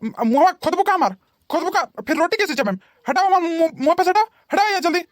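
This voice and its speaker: A woman's voice: extremely high pitch, lively intonation, a little fast, no room sound. A woman voicing an aging cartoon husband who coaxes his wife and stammers through excuses, with a Bhojpuri accent. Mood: pleading. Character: aging husband, pleading and wheedling. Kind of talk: cartoon voice acting.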